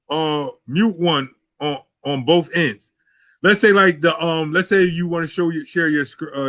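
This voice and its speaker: A man hosting an online call, chatting casually in loose, relaxed restarts. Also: sits high. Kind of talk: casual chat. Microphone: video call.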